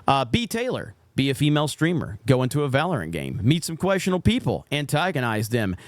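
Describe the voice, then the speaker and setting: A man's voice: medium pitch, sing-song, brisk, no echo. A man giving casual, opinionated commentary on gaming clips in a blunt, sarcastic, sweary manner.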